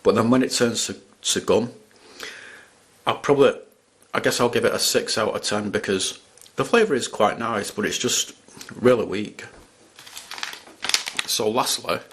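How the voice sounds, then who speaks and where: A man's voice: fairly low pitch, a little slow, long pauses, fairly bright tone. A man chatting casually as he reviews candy on camera, rambling and restarting his sentences. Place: at home in front of a camera.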